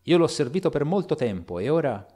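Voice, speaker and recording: A man's voice: on the high side, big pitch swings, brisk, dark tone, soft background music, pitched above the performer's own voice. A man voicing an elderly, frightened and loyal male butler in a spoken audiobook, with an urgent, pleading delivery. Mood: fearful.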